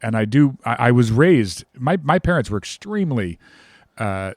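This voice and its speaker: A man's voice: mid-range voice, very animated, normal speed, no room sound, studio quality. A middle-aged man from the United States, a guest musician in a casual interview, speaking candidly and self-deprecatingly, often repeating words and trailing off. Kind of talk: casual conversation.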